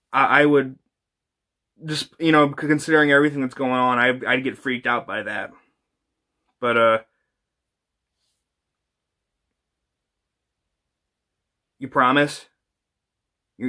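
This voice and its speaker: A man plays an uneasy young paranormal investigator in a found footage horror film. His mid-pitched voice is bright and a little tense, with halting, casual, improvised phrasing. The amateur camera audio carries clear room echo. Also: lightly acted. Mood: tense, suspicious. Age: young adult. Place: indoors, bedroom and kitchen.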